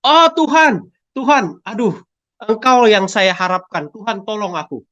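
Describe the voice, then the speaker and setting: A man's voice: high-pitched, expressive, moderate pace, pushed and bright, highs cut off, pitched above the performer's own voice. A man voicing a desperate man clinging to a cliff branch, crying out and pleading in a frantic voice.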